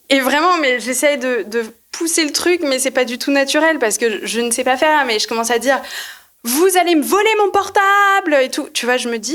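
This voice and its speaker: A young woman telling a funny personal story at a live podcast recording, in casual slangy speech, acting out what she thought back then. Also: fairly high pitch. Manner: lively and slangy, acts out her own past thoughts. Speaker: guest storyteller.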